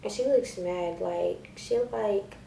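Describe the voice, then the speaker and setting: A woman's voice: mid-range voice, slow, vocal fry, echoey room, distant mic, slight background noise. Slangy young woman telling a story. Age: young adult. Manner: animated, slangy, acts out quotes in a raised voice. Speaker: vlogger. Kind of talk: casual storytime.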